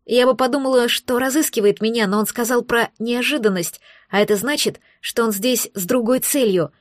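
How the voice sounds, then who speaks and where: A woman narrating a first-person fantasy novel, steady and tense. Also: fairly high pitch, normal speed, dry recording, studio quality. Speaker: audiobook narrator.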